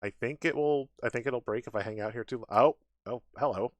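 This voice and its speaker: A man's voice: mid-range voice, fairly quick, no echo. A man giving chatty, casual live game commentary with wry asides, switching into reading on-screen text aloud. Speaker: game streamer. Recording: game music behind the voice. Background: video game music.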